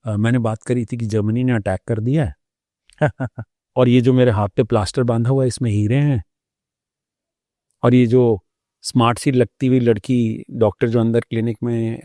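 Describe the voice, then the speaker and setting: A man, a doctor, telling his personal story as an interview guest, thoughtful and unhurried, with pauses and hesitations. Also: medium pitch, fairly even intonation, warm tone, dry recording, clean studio sound.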